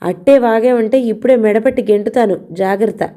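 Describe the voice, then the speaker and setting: A woman's voice: fairly high pitch, brisk, dark tone, lightly acted. A woman voicing a proud, hot-tempered young woman of the house who scolds sharply. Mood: scolding.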